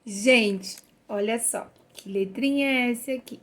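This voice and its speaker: A woman giving a children's reading lesson, sounding out letters slowly and praising the listener. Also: on the high side. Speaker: literacy teacher. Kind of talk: slow phonics lesson for children.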